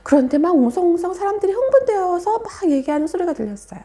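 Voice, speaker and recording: A woman telling a Bible story to children as a sermon, animated, often dropping to a soft whisper for emphasis. Her voice is high and mellow, and her pitch swings widely. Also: fast. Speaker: children's Sunday school preacher.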